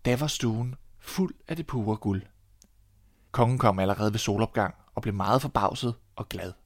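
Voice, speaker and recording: A Danish man reading a fairy tale aloud in a calm, measured storytelling manner. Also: lowish voice, no room sound, studio quality.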